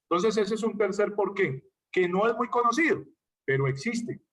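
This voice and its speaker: Teacher explaining spelling rules. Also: male voice, sits high, expressive, normal speed, a bit bright, far from the mic. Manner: explains patiently with spoken examples, checks in with "¿ya?". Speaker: writing workshop teacher. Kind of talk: online class lecture.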